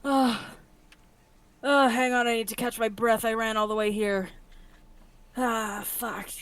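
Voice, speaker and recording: A woman's voice: fairly high pitch, lively intonation, slow pace, dry recording. Woman voicing a scruffy, eager male adventurer. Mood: winded. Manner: eager, haggling, breathless bursts.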